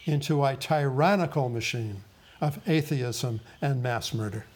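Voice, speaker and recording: Preaching at a steady mid pitch, this man takes his time with each phrase. His sermon is slow and solemn, punctuated by grave pauses.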